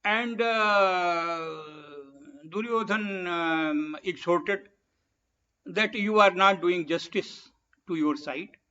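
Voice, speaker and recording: Guy giving a talk, kinda high voice, lots of uh pauses and restarts, muffled lo-fi recording. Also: pushed and bright, clear, resonant tone. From India. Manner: halting, many pauses and restarts. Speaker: guest speaker. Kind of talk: public lecture. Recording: dull lo-fi lecture recording.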